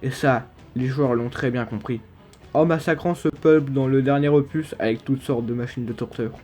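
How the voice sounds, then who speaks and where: A man's voice: medium pitch, steady tone, normal speed, mellow. Lisping man with slushy sibilants over music. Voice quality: lisp with slushy sibilants and slurred articulation, from a dental brace. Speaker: video game theory YouTuber. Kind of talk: humorous scripted theory narration. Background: background music.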